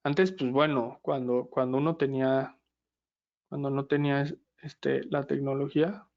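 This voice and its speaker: A man's voice: mid-range voice, fairly even intonation, measured pace, lo-fi sound. A male lecturer, explaining step by step and checking in with the class again and again. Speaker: lecturer in systemic therapy.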